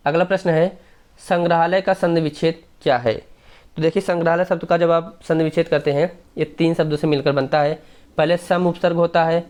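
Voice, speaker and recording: A man giving a brisk exam-prep lesson, explaining each answer and speaking directly to his viewers. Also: on the high side, darkish tone.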